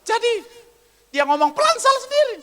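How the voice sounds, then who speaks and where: A male pastor preaching a lively comedic sermon, addressing the congregation directly and acting out voices in his stories. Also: very high voice, a little fast. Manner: animated, acts out voices in anecdotes, calls the congregation "saudara". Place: church hall. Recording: church hall reverb.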